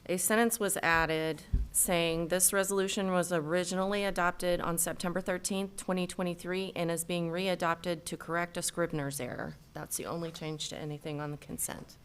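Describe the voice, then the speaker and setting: Woman, city clerk, crisp clear tone, lowish pitch, formal procedural reading. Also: fairly even intonation, moderate pace, hardly any pauses. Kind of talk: formal reading of agenda and legal text. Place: council meeting room.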